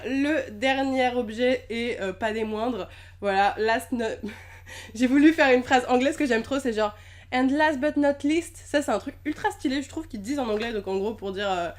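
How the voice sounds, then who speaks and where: Young woman unboxing stuff, high voice, super bubbly and gushy, lots of ums. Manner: bubbly, gushing, lots of fillers. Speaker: YouTuber unboxing packages. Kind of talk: casual unboxing vlog.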